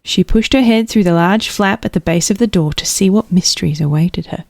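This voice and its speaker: A woman reads a children's storybook aloud with playful expression, dropping to whispers for suspense at tense moments. Her voice is fairly low, brisk, and a little mellow with vocal fry, and there's no echo.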